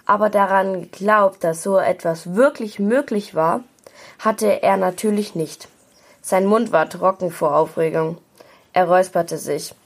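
A woman reading a children's story aloud at a steady pace. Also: mid-range voice, a little slow.

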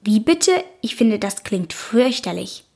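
A woman's voice: medium pitch, big pitch swings, unhurried, gravelly, darkish tone, slightly rough, heavily acted. A woman reading an audiobook, voicing a young schoolgirl who is tearful, stubborn and whiny in her pleading. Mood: indignant.

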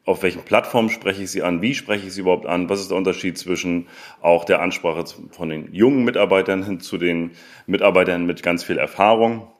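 A man hosting an interview podcast, enthusiastic, often restarting his words. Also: low-pitched. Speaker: podcast host.

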